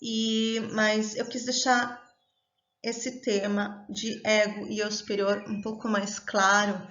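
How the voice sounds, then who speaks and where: A woman giving a calm, explanatory self-development lesson, often checking in with a questioning tag. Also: mid-range voice, takes it slowly, lo-fi sound. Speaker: course teacher.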